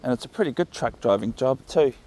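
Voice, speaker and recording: Male vlogger, New Zealand accent, mid-pitched, casual and musing, thinks aloud in an unhurried ramble. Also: lively intonation, mellow. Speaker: vlogger walking his dog. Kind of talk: casual rambling vlog narration. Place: outdoors, walking along a path. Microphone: phone recording while walking.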